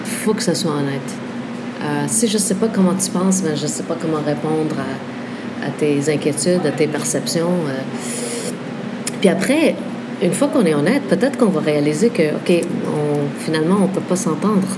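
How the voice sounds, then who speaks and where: Low-voiced Québécoise woman in a noisy café. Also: moderate pace. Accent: Quebec French. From Quebec. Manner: thoughtful, lively, frequent fillers. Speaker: interview guest. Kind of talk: casual conversation.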